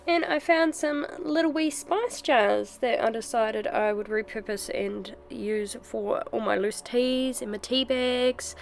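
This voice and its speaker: Chatty woman with a gravelly sick voice. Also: fairly high pitch, a little slow, few pauses. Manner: chatty and rambling, with frequent laughs and fillers. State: sick, rough voice. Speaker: art vlogger. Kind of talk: casual vlog to camera. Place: home art studio at her desk.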